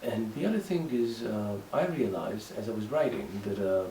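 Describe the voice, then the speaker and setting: Speaking English with a Moroccan accent, this writer, whose native language is Moroccan Arabic, uses a warm, expressive, low-leaning voice in a hesitant interview monologue full of fillers and restarts. The mic is far away in an echoey room with faint background noise.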